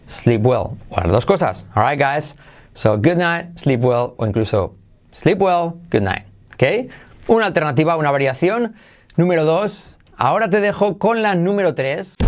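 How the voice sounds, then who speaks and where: A man teaching English pronunciation in a podcast lesson, drilling each phrase slowly and repeating it. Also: a little high.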